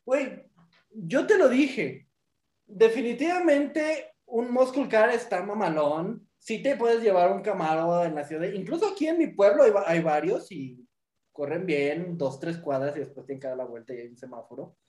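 A man's voice: sits high, expressive, moderate pace, a little mellow, echoey room. A man with a Mexican accent co-hosting a casual, humorous film review, sardonic and mock-serious in his delivery. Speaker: co-host of a movie review show.

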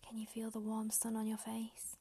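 A woman whispering a slow, soft guided meditation close to the mic, giving calm step-by-step instructions. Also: fairly high pitch, a little hiss or hum.

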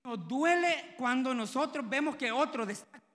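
A man's voice: very high-pitched, animated, normal speed, fairly bright tone, in a large hall. A man preaching a sermon, telling stories and acting out the dialogue in them. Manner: conversational storytelling, acting out quoted dialogue.

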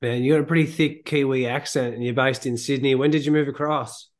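A man with a medium-pitched voice hosts a casual interview. He speaks informally and in a blokey way, like relaxed conversation. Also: fairly quick. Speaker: interviewer, host.

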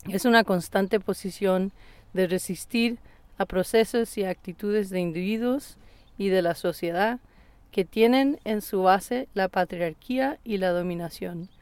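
A woman host reads a scripted narration at a measured, even pace. Her voice is smooth and resonant. The sound is dry and close, with no room echo. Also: medium pitch.

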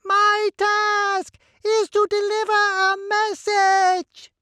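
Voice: monotone, drawn-out words, pushed and bright, dry recording, studio quality, full character voice. A narrator voicing a whiny little male servant calling out from a distance in an audio story. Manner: high, strained calling out.

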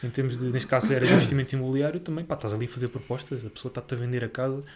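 A man's voice: mid-range voice, steady tone, racing, crowd noise. A man with a European Portuguese accent talking informally and agreeably in a casual podcast conversation, using plenty of slang.

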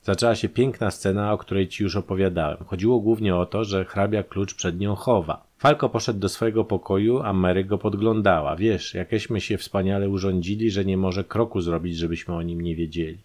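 A man's voice: sits low, steady tone, a little fast, few pauses, darkish tone, natural voice. A man voicing a calculating, ironic male thief in an audiobook, speaking with raised, eager intensity. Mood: scheming.

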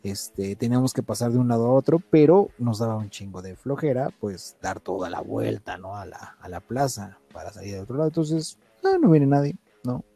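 A man with a Mexican accent telling a childhood story in relaxed, slangy chat. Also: on the low side, brisk, gravelly, few pauses, slightly rough, no echo. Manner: relaxed, slangy, says "amigo".

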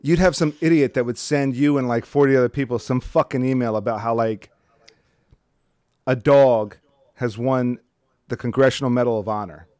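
A man's voice: medium pitch, fairly even intonation, moderate pace, darkish tone, dry recording. Male podcast co-host, casual and profane, dry recording. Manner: profane, loose and joking. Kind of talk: casual chat.

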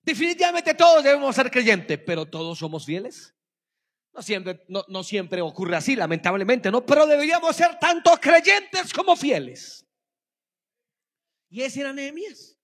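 A man preaching a sermon to a congregation, animated, calling out to the listeners and swinging between soft talk and loud exclamations. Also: extremely high pitch, moderate pace. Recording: long hall reverb.

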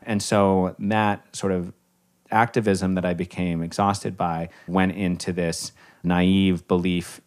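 A man's voice: low-pitched, level tone, takes it slowly. A man hosting a podcast interview, talking in a reflective, affirming way. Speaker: podcast host. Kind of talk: conversational interview.

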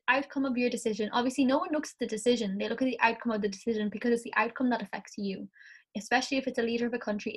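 A young Irish woman with a voice on the high side, a student, thinks aloud through ideas in a casual class discussion. She's chatty and says "like" often, and her voice is a little croaky from the morning.

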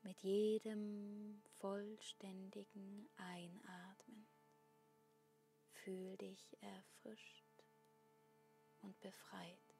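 A woman guiding a breathing meditation in a soft, breathy, half-whispered spa voice, giving calm instructions with long pauses. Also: medium pitch, faint music behind.

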